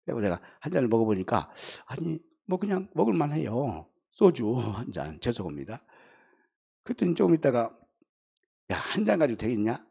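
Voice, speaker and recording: A man, a pastor, preaching a revival sermon and telling a personal story, acting out the other voices and swinging from hushed to loud. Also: medium pitch, big pitch swings, moderate pace, gravelly, breathy edge. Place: church.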